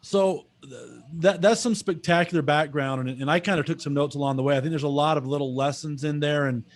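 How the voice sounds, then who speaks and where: A man's voice: on the high side, fairly even intonation, fairly quick, dry recording. A man hosting an interview on a video call, asking questions with many restarts and repeated words. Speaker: host.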